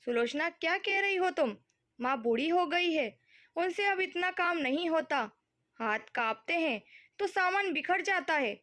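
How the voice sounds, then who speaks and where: A soft, soothing voice of a patient middle-aged man caring for his mother, as a woman reading the story puts him on. He speaks tenderly and calmly, in a high register, as part of a storybook reading. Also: unhurried, exaggerated voice. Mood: calming. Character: gentle middle-aged son and husband, patient.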